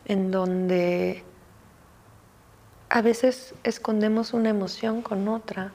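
A woman's voice: mid-range voice, fairly even intonation, slow pace, dark tone. A woman from Mexico with a Mexican accent, a therapist giving an informal talk on emotions and often adding "¿no?" tag questions. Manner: conversational, frequent "¿no?" tag questions.

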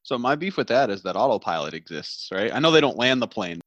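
A man's voice: medium pitch, very animated, quick pace, a bit bright, dry recording, dull audio. A man hosting a podcast in casual, comedic banter with friends. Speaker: podcast host.

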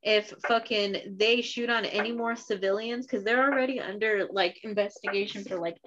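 A woman's voice: medium pitch, steady tone, normal speed, noisy background. A woman co-hosting a casual podcast, talking bluntly and swearing casually. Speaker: podcast co-host. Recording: dull lo-fi sound.

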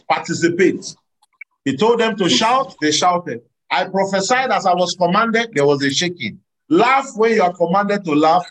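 A man preaching a sermon, animated, laughing and drawing answers from his congregation. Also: a little high, poor audio. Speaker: pastor.

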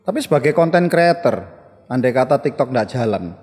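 A man hosting a casual interview, asking questions in an animated way and laughing easily. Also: medium pitch, fairly quick. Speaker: interview host. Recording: long hall reverb.

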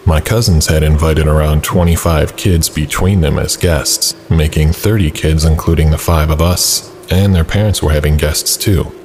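A man's voice: very deep voice, fairly even intonation, moderate pace, hardly any pauses, a little mellow, a little hiss or hum. A man narrating a scripted first-person story as a storyteller.

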